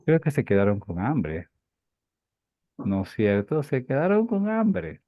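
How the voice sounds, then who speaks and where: Animated male Bible teacher, lo-fi. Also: medium pitch, slow, no room sound. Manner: animated, rhetorical questions and repetition. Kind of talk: class lecture. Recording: dull lo-fi dry recording.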